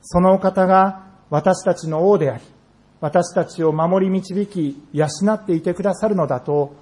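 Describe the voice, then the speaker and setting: A man preaching a sermon in a church, earnest and measured, slowing down on key phrases. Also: high-pitched, a little mellow. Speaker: pastor. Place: church sanctuary.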